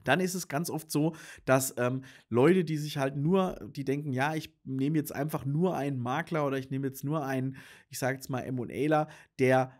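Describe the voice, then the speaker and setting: A man's voice: medium pitch, steady tone, normal speed, darkish tone. A man who runs a business consultancy, explaining earnestly and addressing the viewer directly, with frequent fillers and restarts. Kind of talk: explainer monologue to camera.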